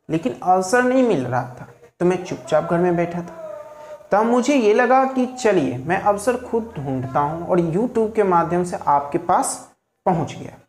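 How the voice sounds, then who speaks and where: A man teaching a spoken language lesson at home, asking rhetorical questions and repeating his key points. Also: high-pitched. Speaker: English teacher. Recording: roomy echo, faint ambient noise.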